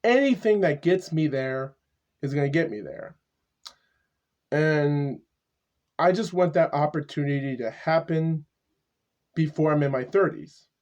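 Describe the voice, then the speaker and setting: Halting, stammering young man. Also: a little high, a little mellow, lo-fi sound. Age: 20s. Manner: halting, repetitive, stuttering. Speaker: YouTuber. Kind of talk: casual vlog monologue to camera. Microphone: camera mic.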